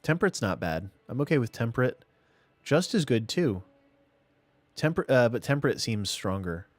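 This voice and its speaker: A man's voice: mid-range voice, very animated, moderate pace, no room sound. A man streaming a strategy game live, thinking aloud and chatting casually to himself and viewers. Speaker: gaming streamer. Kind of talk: casual live gameplay commentary.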